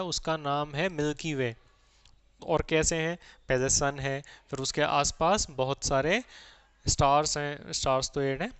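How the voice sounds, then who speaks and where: A man teaching an exam-prep English lesson, asking his students questions over and over and reading the English phrases out slowly. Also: fairly high pitch, a bit bright, smooth, no room sound.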